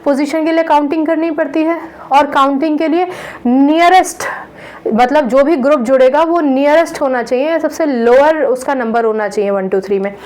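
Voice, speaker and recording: Over a rough recording, a high, somewhat mellow female voice leads an online chemistry lesson. She takes students patiently through naming compounds, counts the carbons out slowly, and keeps checking in along the way.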